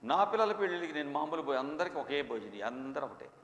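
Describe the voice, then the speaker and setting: A middle-aged man preaches in a church hall, his fairly high voice bright and sharp. He drops to quiet storytelling, then rises into loud, drawn-out proclamations. A long reverb trails his words around the room. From India. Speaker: pastor. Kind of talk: sermon.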